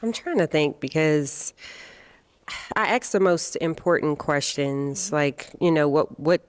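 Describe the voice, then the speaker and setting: A woman's voice: low-pitched, a little slow, clear, resonant tone, dry recording. A woman from the Washington DC area, a dating show contestant who talks bluntly and sassily. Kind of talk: casual chat.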